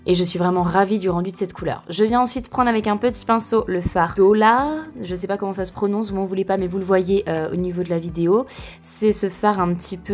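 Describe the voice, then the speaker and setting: A woman's voice: on the low side, darkish tone. A young woman talks through a makeup tutorial in a casual, chatty way, with many fillers and self-corrections. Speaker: beauty vlogger.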